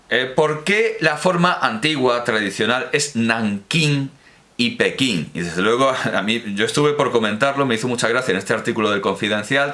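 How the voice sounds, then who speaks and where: Guy thinking out loud, bright voice, lots of ums and restarts. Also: mid-range voice. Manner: rambling, self-correcting, with many fillers and restarts. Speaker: podcast host. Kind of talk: unscripted spoken analysis.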